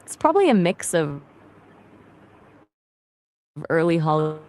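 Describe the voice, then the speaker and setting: An AI assistant with a woman's voice, chatting casually. Her tone sits a little low, but she stays upbeat and quick, bouncing lively replies back in easy conversation.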